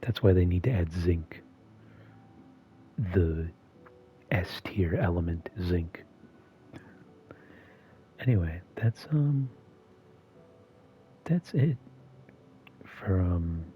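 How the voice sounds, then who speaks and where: A man hosting a video in a soft-spoken, half-monotone voice that is often whispered and slightly strained. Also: low voice, slow, pauses often, highs cut off, a little hiss or hum. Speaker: video host. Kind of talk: soft-spoken ASMR-style commentary.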